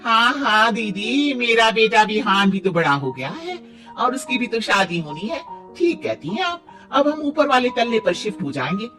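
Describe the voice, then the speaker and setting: A woman's voice: fairly high pitch, big pitch swings, normal speed. A cheerful, kind older mother-in-law. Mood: friendly. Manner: warm, laughing, easygoing. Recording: distant mic, faint music.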